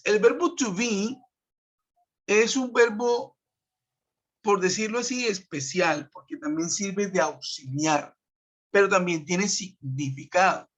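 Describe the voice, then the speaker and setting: A man's voice: sits high, fairly bright tone. A man, teaching an online English grammar lesson, explaining step by step and checking in with his students. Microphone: web conference computer mic. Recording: dull lo-fi web call audio.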